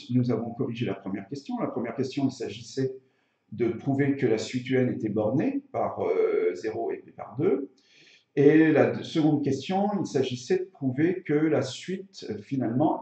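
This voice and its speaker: A man's voice: mid-range voice, animated, moderate pace, warm tone. A man teaching maths step by step in a hesitant way, thinking aloud and correcting himself as he goes. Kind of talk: spoken maths tutorial, explaining step by step. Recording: echoey room, slightly dull sound.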